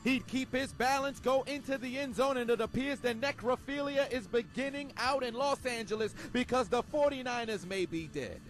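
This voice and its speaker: A man delivering comedic, mock-dramatic American football highlight commentary over music. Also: normal speed, hardly any pauses. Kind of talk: comedic scripted football play-by-play.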